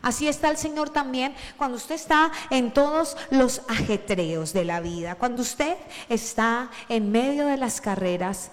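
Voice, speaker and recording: A woman's voice: fairly high pitch, unhurried, hardly any pauses. Woman preaching in an echoing church. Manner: animated, acts out shouted Bible quotes. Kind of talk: sermon.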